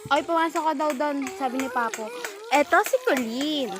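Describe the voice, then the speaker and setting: Very high-voiced playful young woman. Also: normal speed. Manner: playful, laughing often, coaxing a little child. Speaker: older sister filming family. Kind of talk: casual home video chat. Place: family home indoors. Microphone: phone camera.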